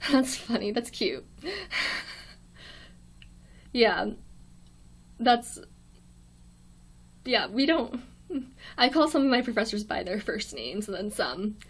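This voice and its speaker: A young American woman with a slightly high voice talks softly and a bit shyly on a livestream, answering viewer comments one by one. She fills her pauses with ums and small laughs, and her tone stays friendly and low-key, like someone chatting from a quiet dorm room. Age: young adult. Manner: shy and quiet, laughs often, many ums. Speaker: livestream host. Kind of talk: casual livestream chat, reading viewer comments aloud.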